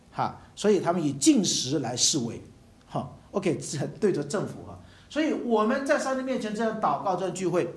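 A preacher giving an emphatic sermon, often asking the listeners rhetorical questions and dropping English terms into the talk. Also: medium pitch.

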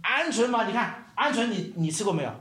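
A man preaching a sermon as pastor, animated, firing rhetorical questions at the congregation and mimicking murmuring sounds. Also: high-pitched, brisk, reverberant.

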